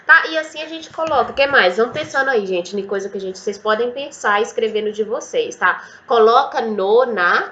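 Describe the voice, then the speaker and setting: A woman with a Brazilian Portuguese accent teaches English in a casual, lively manner. She slows down and repeats words for her learners in a bright, forceful voice. The recording sounds a little dull and muffled. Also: fairly high pitch, a little hiss or hum. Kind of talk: casual online English lesson.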